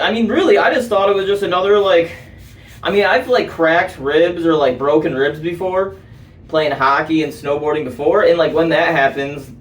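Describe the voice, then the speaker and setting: A man's voice: fairly high pitch, distant mic. A young man telling a story casually, with lots of swearing and fillers while he works. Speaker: vlogger. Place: indoor room while doing manual work. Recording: echoey room, voice off-mic.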